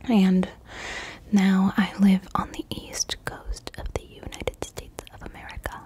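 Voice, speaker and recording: A woman in her twenties from Colombia, whispering in a casual ASMR question-and-answer session, softly repeating words over and over. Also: medium pitch, little pitch movement, unhurried. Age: 20s. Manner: casual, swears freely. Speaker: ASMR creator.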